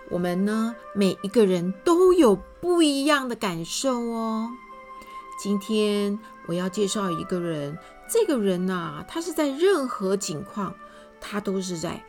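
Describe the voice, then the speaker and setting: A woman reading a children's story aloud, talking directly to young listeners in an animated way. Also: a little high.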